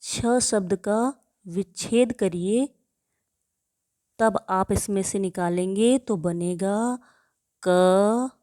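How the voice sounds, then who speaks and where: Slow, deliberate woman teaching grammar. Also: mid-range voice, warm tone. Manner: slow and deliberate, repeats questions and answers to drill pupils; stretches out example words to show pronunciation. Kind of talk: Hindi grammar lesson for children.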